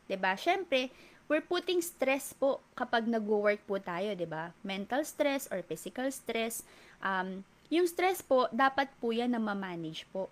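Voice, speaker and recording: Higher-pitched Filipino woman fitness trainer. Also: lively intonation, unhurried. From Philippines. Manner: polite, asks rhetorical questions often. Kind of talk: talk to an audience.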